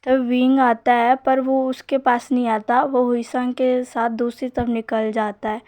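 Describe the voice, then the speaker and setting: A woman retells a fan fiction story in a casual, running narration. Her voice sits fairly high, and she restarts words often as she hurries on. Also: flat delivery, darkish tone, dry recording. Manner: quick retelling, frequent restarts. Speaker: fanfic storyteller.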